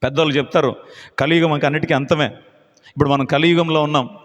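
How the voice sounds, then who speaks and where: A man's voice: fairly high pitch, fairly even intonation, fast talker. A man preaching a live sermon as a pastor, impassioned, firing off rhetorical questions and acting out voices. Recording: live hall with long reverb.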